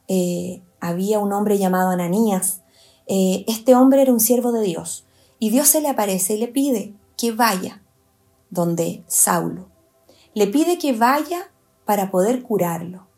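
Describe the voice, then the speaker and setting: A woman's voice: mid-range voice, mellow. Brief: woman Bible teacher, reflective and explanatory, reads scripture then muses with "eh" fillers. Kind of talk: Bible study talk with scripture reading.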